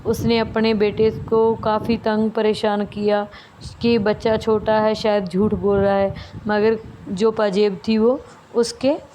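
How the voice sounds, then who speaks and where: A woman teacher reading a story aloud slowly and carefully, with small restarts, then explaining it to her students. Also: mid-range voice, little pitch movement, dark tone. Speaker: school teacher. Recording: faint background noise.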